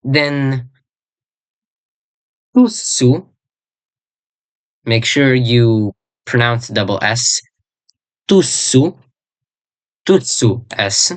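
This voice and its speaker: A person giving a casual lesson on an invented language, rambling, searching for words and correcting themselves, and repeating words slowly. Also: medium pitch, no echo.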